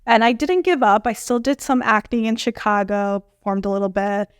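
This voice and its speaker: Chatty woman, smooth clear voice. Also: medium pitch, normal speed, no room sound, clean studio sound. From Bolivian family. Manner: animated, many fillers, acts out quoted dialogue. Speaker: dietitian guest. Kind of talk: conversational storytelling interview.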